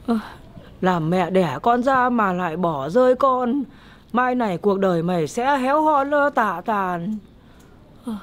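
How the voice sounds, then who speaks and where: A woman playing a grieving old grandmother in a comedy skit, lamenting and scolding. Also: mid-range voice.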